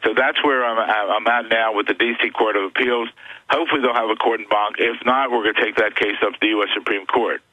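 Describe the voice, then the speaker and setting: A man's voice: lowish voice, fairly even intonation, fast, sharp tone, lo-fi sound. A man who is an attorney, a guest on a talk radio show, speaking earnestly and insistently as he lists grievances.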